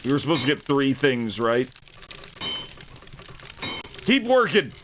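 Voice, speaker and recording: A man streaming live, commenting animatedly on an educational game, laughing and shouting at characters. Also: mid-range voice, fairly even intonation, brisk, background noise.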